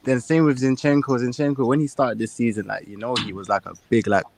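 A man's voice: mid-range voice, steady tone, a little fast, vocal fry, background noise. A man with a London accent chatting casually as a football fan, slangy and peppering his talk with "like". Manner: slangy, filler-heavy with frequent "like". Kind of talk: casual chat.

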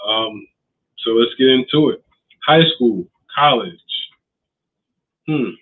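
A man from Delaware co-hosting a podcast, chatting casually in a laid-back, unhurried way. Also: mid-range voice, breathy edge. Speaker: podcast co-host. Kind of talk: casual chat. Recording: tinny phone-like line.

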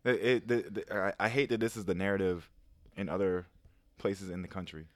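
A man's voice: low-pitched, brisk, dry recording, clean studio sound. An American man co-hosting a podcast, telling rambling stories in casual chat with stumbles and restarts. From United States. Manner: rambling storyteller, stumbles and restarts, laughs as he talks. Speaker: podcast co-host.

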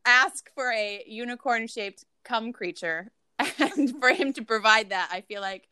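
A woman's voice: on the high side, unhurried, bright, forceful tone, clear, resonant tone, no room sound. A woman co-hosting a casual chat, telling a profane story with a sarcastic edge.

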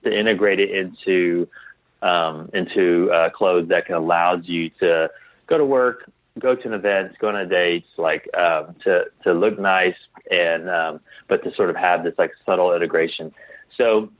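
A man with a low, steady voice speaks at a moderate pace as a guest interviewee who founded a clothing company. His answers are casual and thought out aloud, with frequent repetition, and the phone-quality audio has no echo.

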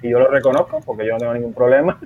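A man's voice: medium pitch, a little hiss or hum. Puerto Rican man on a tinny line. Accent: Puerto Rican Spanish, partly softened by living in Spain. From Puerto Rico. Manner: explanatory, measured, chuckles often. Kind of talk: casual conversation. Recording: tinny phone-like remote line.

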